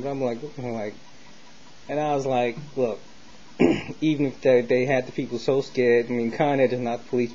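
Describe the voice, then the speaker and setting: With a warm tone and medium pitch, an American man shares his views in a rambling vlog, speaking casually with street slang and frequently circling back to repeat points. Faint noise sits under the dull, lo-fi recording.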